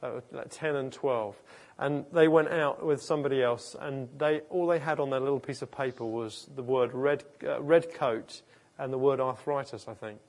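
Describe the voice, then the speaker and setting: A man's voice: medium pitch, normal speed, darkish tone. A man preaching a sermon in an informal, earnest way, often restarting and correcting himself mid-sentence. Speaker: pastor. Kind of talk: conversational sermon.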